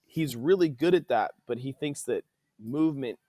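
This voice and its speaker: A man who is an athletic trainer and podcast guest, telling stories in a casual, animated way and acting out quoted dialogue. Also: medium pitch, moderate pace, no echo, clean studio sound. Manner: animated, acts out quoted dialogue, says "dude" often. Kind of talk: casual conversational storytelling. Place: podcast studio.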